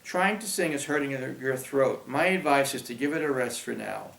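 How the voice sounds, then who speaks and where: A man reading an audiobook, voicing a patient schoolteacher who speaks calmly and firmly. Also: medium pitch, normal speed, gravelly, distant mic. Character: patient schoolteacher directing a play. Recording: roomy echo.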